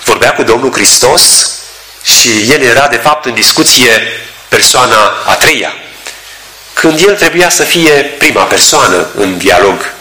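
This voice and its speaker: Bright-voiced male preacher, echoey room. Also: mid-range voice, animated. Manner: measured, emphatic with stretched words. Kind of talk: sermon.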